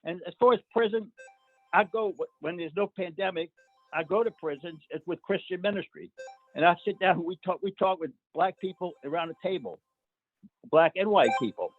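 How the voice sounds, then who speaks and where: Halting man on a tinny, phone-like line. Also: sits high, expressive, soft background music. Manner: halting, with many "uh"s, argumentative. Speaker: discussion group participant. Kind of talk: group discussion on a video call.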